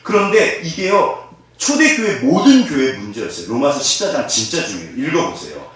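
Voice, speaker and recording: Animated and questioning his congregation often, a male pastor delivers a sermon at medium pitch and moderate pace. It's recorded from afar in an echoey space.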